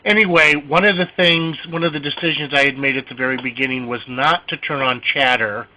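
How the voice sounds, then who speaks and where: A man's voice: medium pitch, fairly even intonation, fairly quick, sharp tone, slight background noise, rough recording. A man calling into a conference call, eager and a little hesitant, with a self-deprecating manner. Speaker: caller, nonprofit Salesforce administrator. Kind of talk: casual question on a conference call.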